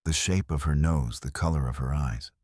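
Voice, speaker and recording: A man voicing a stern, weathered old Apache elder who speaks in a grave, measured, formal way. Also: extremely low pitch, darkish tone, husky, dry recording, clean studio sound.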